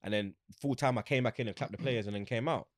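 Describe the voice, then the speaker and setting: A man's voice: medium pitch, quick pace, no echo. London roadman guy telling stories, loads of street slang, acts out the convo, really dry close recording. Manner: animated storytelling, acts out quoted exchanges. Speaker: interview guest, football fan. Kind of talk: casual anecdotal chat.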